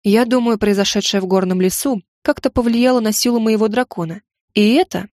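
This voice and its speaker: A woman reading an audiobook plays a calm young dragon knight who teases in a relaxed, mocking way. His voice sits a little lower than the narration, and the reading is dry and close. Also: a little fast, no room sound, close to an everyday voice. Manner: easygoing, mildly mocking.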